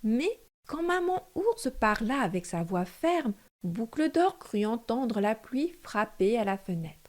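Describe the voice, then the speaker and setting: A woman narrating a children's storybook in two languages, reading slowly and deliberately. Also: fairly high pitch, sing-song. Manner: slow, deliberate, clear reading.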